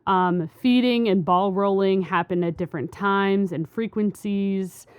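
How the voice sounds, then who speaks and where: A woman's voice: mid-range voice, unhurried, darkish tone, clear, resonant tone, dry recording. A woman co-hosting a podcast, explaining a science study in a rambling, casual way with many fillers and restarts. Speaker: podcast co-host.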